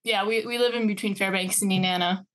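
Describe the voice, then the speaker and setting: A woman's voice: medium pitch, steady tone, fast, fairly bright tone, slight background noise. A teenage girl from Alaska, a sled dog racer, talking as a podcast guest in a friendly way and laughing easily. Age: teens. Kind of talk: podcast interview.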